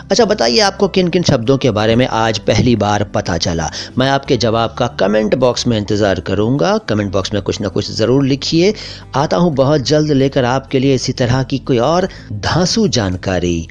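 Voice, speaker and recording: A man with an Indian Hindi-Urdu accent, hosting a pronunciation lesson and repeating words slowly for emphasis. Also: medium pitch, very animated, creaky, faint music behind. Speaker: language teacher, channel host.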